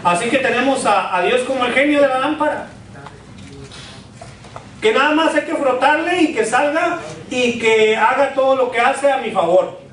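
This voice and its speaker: The preacher here is a man with a very high, somewhat bright voice speaking at normal speed. In a church sanctuary, he repeats rhetorical questions and leads call-and-response, captured from a distance with lots of echo.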